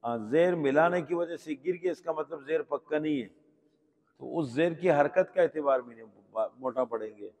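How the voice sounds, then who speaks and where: A man with a Pakistani Urdu accent teaching the rules of Quran recitation to a class, patiently asking questions and answering them himself and drawing out example words slowly. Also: a little high, darkish tone, big-room sound. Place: mosque teaching hall.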